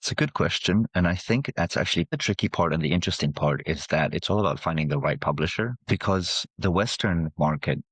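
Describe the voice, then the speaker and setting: Very deep, husky-voiced man. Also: a little fast, few pauses, dry recording. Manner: relaxed, explains with examples. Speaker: game industry guest. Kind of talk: conversational interview. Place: podcast recording.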